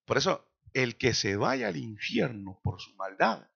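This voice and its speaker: A man preaching a sermon in a church, slowing down dramatically for quoted lines. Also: mid-range voice, big pitch swings, vocal fry, fairly bright tone, slightly rough, dull audio. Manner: dramatic preaching with slow emphatic quotations. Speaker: pastor.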